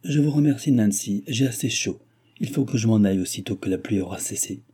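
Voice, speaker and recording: A man's voice: on the low side, animated, a little fast, warm tone, husky. A man reading an audiobook, voicing a modest, reserved young governess with polite, restrained speech.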